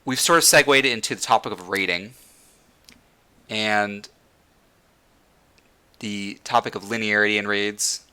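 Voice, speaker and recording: Rambling, bright-toned man with a tired voice. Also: lowish voice, measured pace, long pauses, smooth. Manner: rambling, frequent fillers and restarts. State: losing his voice. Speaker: podcast host. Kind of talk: casual gaming discussion.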